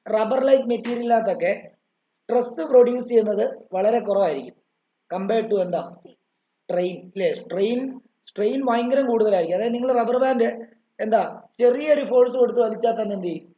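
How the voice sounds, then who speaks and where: High-voiced man teaching a class. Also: fairly quick, long pauses, warm tone. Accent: Malayali English. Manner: asks questions then answers them himself, dictates notes. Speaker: physics teacher. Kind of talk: online class lecture. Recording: dull roomy recording with faint noise.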